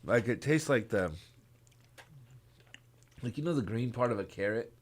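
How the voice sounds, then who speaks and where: A man co-hosting a podcast in casual, joking chat, talking haltingly and repeating himself with lots of filler words. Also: mid-range voice, animated. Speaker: podcast co-host.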